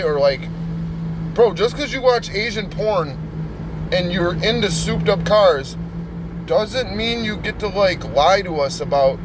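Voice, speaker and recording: A man's voice: a little high, background noise. A man ranting in a confrontational, profane vlog, addressing someone directly. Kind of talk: angry rant vlog.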